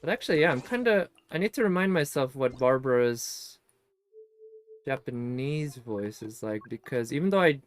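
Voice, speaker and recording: Brief: male streamer, relaxed analytical game commentary, middling pitch, thinks aloud. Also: normal speed, smooth. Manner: musing, analytical. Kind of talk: casual gameplay commentary.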